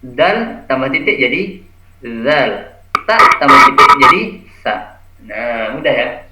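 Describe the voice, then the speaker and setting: A man teaching Quran letter pronunciation over a video call, slowly modelling each sound and repeating it. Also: mid-range voice, expressive, very noisy. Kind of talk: online recitation lesson. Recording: echoey, dull video-call audio.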